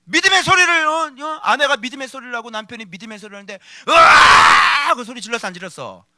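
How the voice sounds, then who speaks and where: A male pastor preaching with energy, scolding with rhetorical questions, shouting out some phrases and then dropping to a low voice. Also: racing, heavy background noise. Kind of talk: sermon.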